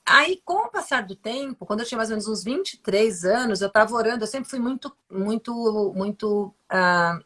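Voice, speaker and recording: A woman's voice: mid-range voice, lively intonation, normal speed, hardly any pauses, fairly bright tone. A Brazilian woman speaking candidly and emphatically about her own life as a guest on a live stream, with many fillers and repeated words. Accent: Brazilian Portuguese. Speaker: guest neuroscientist. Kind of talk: personal testimony in a live stream.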